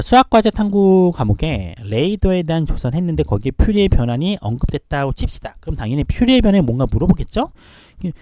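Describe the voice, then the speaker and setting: A man teaching an online lecture at a quick clip, his voice bouncing up and down as he fires rhetorical questions at his students. The tone is fairly high yet mellow, and the sound is close and dry. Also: dry recording. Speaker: admissions tutor.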